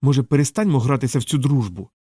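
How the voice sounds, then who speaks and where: A man's voice: mid-range voice, quick pace, dark tone, breathy edge, dry recording, clean studio sound, lightly acted. A man reading the lines of a haughty, curt wealthy man in a cold, dismissive tone. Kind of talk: audiobook character reading.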